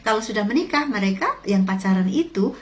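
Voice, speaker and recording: A woman's voice: medium pitch, animated, a little fast. A middle-aged woman from Indonesia telling chatty stories to camera with many fillers and asides to her viewers. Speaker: lecturer sharing stories about Japan. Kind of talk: casual storytelling to camera. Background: faint music.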